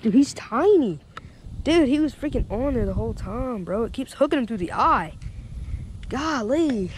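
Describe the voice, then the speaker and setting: A man's voice: very high voice, lively intonation, normal speed. A young man casually narrating a fishing vlog by a pond, chatty and laid-back, often saying dude and bro. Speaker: fishing vlogger. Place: outdoors by a small pond. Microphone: head-mounted action camera. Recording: outdoor camera mic with wind and ambient noise.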